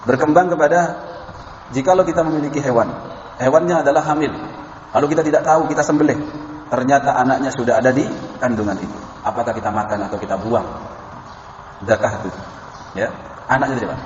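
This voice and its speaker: An Islamic preacher lectures a class on halal food, talking fast in a mid-range voice and pausing often. He recites Arabic verses, tells anecdotes, and addresses listeners as sir and madam, recorded muffled in an echoey hall with faint background noise.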